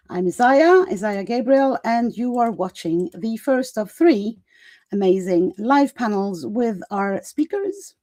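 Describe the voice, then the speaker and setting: Warm-voiced woman hosting a live panel. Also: medium pitch, no room sound. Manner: chatty, repeats greetings, sorts out the setup aloud. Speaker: host of live online panels. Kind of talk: casual live-stream welcome.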